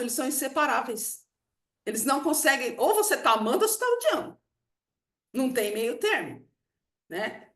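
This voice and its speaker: A woman with a Brazilian Portuguese accent gives a casual, explanatory talk on emotions. She speaks conversationally and often ends points with a questioning "né". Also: on the high side. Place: room at a country house. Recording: roomy echo.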